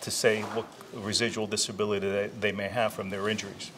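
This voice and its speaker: A man in his sixties, born in Israel and raised in New Jersey, answering interview questions in an unhurried way with many pauses and restarts. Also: on the low side, flat delivery, a bit bright, a little hiss or hum. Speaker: interviewee, retired chiropractor.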